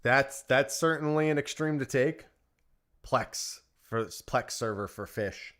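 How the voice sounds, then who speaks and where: A man's voice: mid-range voice, slow pace, fairly bright tone. A man hosting a stream, talking casually in a group voice chat. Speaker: stream host.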